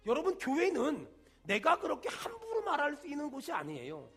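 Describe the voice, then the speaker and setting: Male pastor, sermon, emphatic, rising to shouts, very high voice, animated pitch. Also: fairly quick, soft background music. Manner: emphatic call-and-response preaching, shouting at peaks. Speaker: senior pastor.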